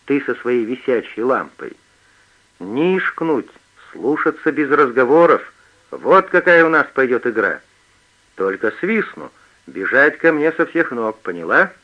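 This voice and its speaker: Male narrator voicing a menacing young thief, sneering to hissed threats, lively pitch, muffled audiobook. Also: unhurried. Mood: threatening.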